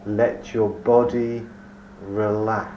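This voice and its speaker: A man leading a guided meditation in a slow, soft, soothing voice with long pauses. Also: on the low side, little pitch movement. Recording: dull lo-fi recording with faint hum.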